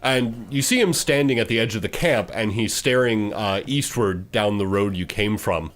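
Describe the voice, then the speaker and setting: A man narrating as game master, steady and matter-of-fact, with frequent pauses. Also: fairly low pitch.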